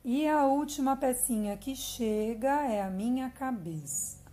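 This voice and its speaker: A Brazilian woman speaking as a yoga teacher in a calm, instructive manner. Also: high-pitched, measured pace. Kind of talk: guided yoga class.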